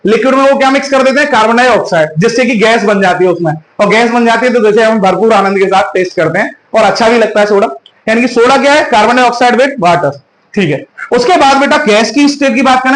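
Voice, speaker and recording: A man teaching a chemistry class in with terms. He asks the students questions and answers them himself, and stretches out key terms slowly. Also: extremely high pitch, fairly bright tone, echoey room, rough recording. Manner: drawn-out, slow spelling of key terms. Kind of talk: online class lecture.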